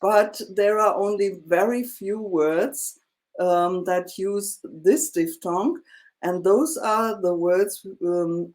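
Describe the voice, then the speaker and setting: A woman teaching a one-on-one language lesson, explaining slowly with many fillers and checking in with "yeah?". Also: fairly low pitch, darkish tone. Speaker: German teacher.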